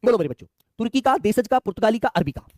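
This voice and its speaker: A man's voice: sits high, animated, very fast, darkish tone, no room sound, studio quality. A man teaching a live online exam class, chatty, often calling students his children and asking them to answer.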